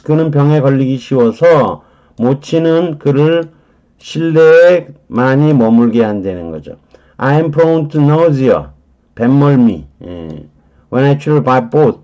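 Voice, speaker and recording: Slow, mellow-voiced man teaching vocabulary. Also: on the high side, lo-fi sound. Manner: slow explaining with many drawn-out fillers; reads English phrases slowly and deliberately. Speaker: English teacher. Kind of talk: English vocabulary lecture.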